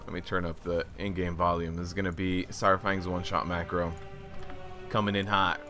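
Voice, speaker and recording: A man's voice: low-pitched, level tone, moderate pace, bright, forceful tone. A man casually commentating his live game stream, laughing and thanking chat as he plays. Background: game music.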